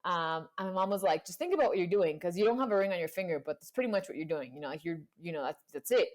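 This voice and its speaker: Her voice sits fairly low, and she talks animatedly at a quick pace. The young woman, from Panama and Colombia, is a guest in a relaxed chat, narrating something personal with plenty of "like" and quoted voices she performs.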